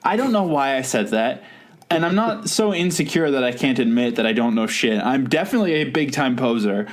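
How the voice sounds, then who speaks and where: Casual male podcast co-host, rambling and self-mocking, quick to laugh. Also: medium pitch, expressive.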